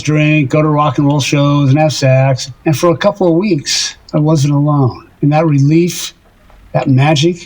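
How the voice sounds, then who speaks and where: In an audio drama, an actor plays an older married man who is lovesick and self-deprecating, rambling wistfully and haltingly. His husky voice has a fairly high pitch, and the recording quality is low.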